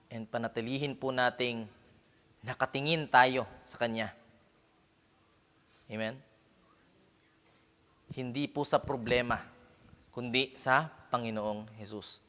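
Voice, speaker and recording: In a mid-range, slightly bright voice, a man preaches as pastor, punctuating phrases with questioning "Amen?" and "No?" to the congregation and working English words into his talk. The recording carries long hall reverb.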